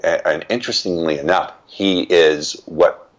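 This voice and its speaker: A man's voice: sits low, measured pace. An older man, a guest in an interview, telling stories from his life in a reflective, emphatic way. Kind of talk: reflective storytelling.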